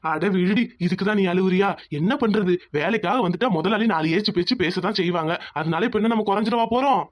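Cartoon village farmhand husband, easygoing, quick talker, played by a man. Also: high-pitched, lightly acted. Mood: calm, consoling. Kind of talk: cartoon voice acting.

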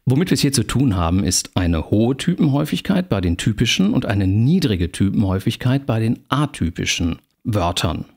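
A man giving a university lecture, explaining in a measured way and addressing students formally. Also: fairly low pitch, sing-song, a little mellow.

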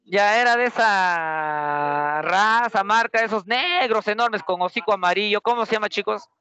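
A man's voice: high-pitched, unhurried, clean tone. A young adult male teacher with a Peruvian accent, telling a story to his class in a chatty way and often turning to quiz his students. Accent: Peruvian Spanish. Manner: lively, chatty, keeps quizzing students with rhetorical questions.

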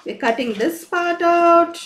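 Leading kids through a live online craft lesson, this woman has a very high-pitched voice with lively intonation and a slow pace. She's cheerful and coaxing, often checking in by asking questions.

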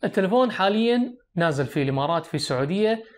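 Animated and rapid-fire, a young male tech reviewer with a Kuwaiti accent speaks in a high voice about a phone's features. He addresses viewers straight on from a desk in a small indoor room, sitting close to the camera.

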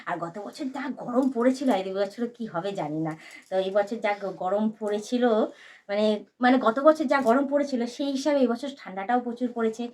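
A woman vlogging in her bedroom at home with a sore throat, keeping her voice soft. She rambles chattily to her viewers while she does the housework. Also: on the high side, fairly quick. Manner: rambling, talks straight to viewers while doing chores. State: sore throat, speaking softly. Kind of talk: casual chatty vlog.

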